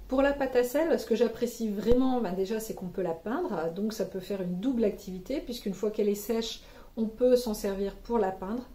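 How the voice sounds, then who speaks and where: A woman's voice: a little high, normal speed, mellow. A woman, a mother giving casual advice in a vlog, chatty and hesitant with many fillers. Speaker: parent vlogger sharing kids' activity ideas.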